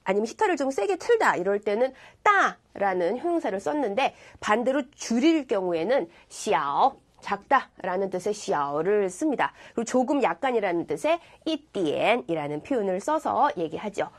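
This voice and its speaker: A woman teaching an online language lecture, explaining each phrase step by step and reading example sentences slowly and clearly. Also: mid-range voice. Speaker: Chinese language instructor.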